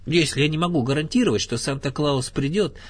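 Brief: man playing a gentle anxious storybook bear, higher and breathy. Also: brisk. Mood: earnest. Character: small earnest male teddy bear, kind and fretful.

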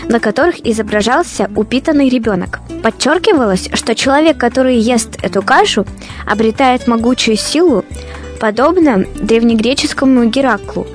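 A woman hosting a radio segment, reading scripted narration about food history. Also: fairly high pitch.

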